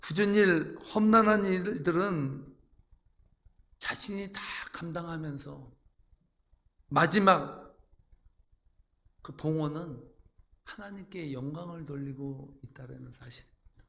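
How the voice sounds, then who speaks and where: A man preaching a sermon as pastor, acting out quoted voices with sudden loud outbursts. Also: fairly high pitch, takes it slowly, vocal fry, pauses often.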